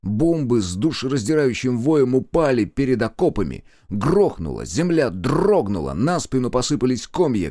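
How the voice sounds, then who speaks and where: A man reading a war novel aloud in an expressive, dramatic style. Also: mid-range voice, dry recording, clean studio sound. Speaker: audiobook narrator. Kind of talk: dramatic audiobook narration.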